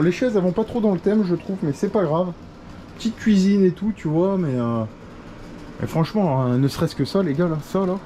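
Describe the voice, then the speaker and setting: A man's voice: a little high, dark tone, slight background noise. A man vlogging casually from his hotel room, chatty and full of slang, talking straight to his viewers and calling himself by a nickname in the third person. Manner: slangy, chatty, addresses viewers as "les gars" and "les loulous". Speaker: travel vlogger. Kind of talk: casual vlog chat to camera.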